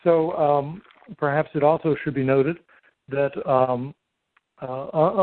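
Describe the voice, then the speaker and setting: A man's voice: on the high side, no room sound. A middle-aged man hosting a podcast, chatting casually and hesitantly on a three-way phone call. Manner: hesitant, halting, wordy. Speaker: podcast host. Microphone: telephone call. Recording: tinny phone-line sound.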